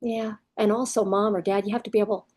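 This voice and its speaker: A woman's voice: medium pitch, level tone, fast talker, darkish tone, husky. A woman parenting coach giving direct, emphatic advice to parents.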